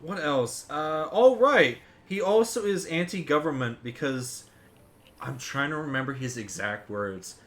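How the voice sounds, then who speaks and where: A man's voice: fairly high pitch, animated, unhurried, fairly bright tone. Rambling, profane male podcaster. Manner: rambling, profane, reads articles aloud. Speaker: podcast co-host. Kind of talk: casual podcast chat.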